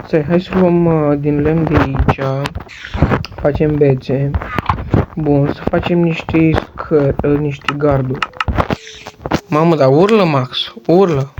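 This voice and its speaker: A man with a fairly high voice rambles through casual gameplay commentary, tossing jokey asides to his viewers. The home recording is noisy, with mouse and keyboard clicks behind him. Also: muffled recording. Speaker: gaming channel host. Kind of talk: casual Minecraft let's-play commentary.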